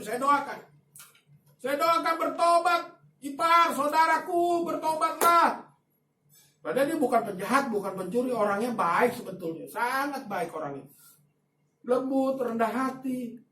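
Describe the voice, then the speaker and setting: Man, pastor, sermon, animated storytelling, soft asides and loud bursts, distant from the mic, echoey hall. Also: very high-pitched, normal speed, slight background noise. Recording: echoey room, voice from a distance, faint ambience.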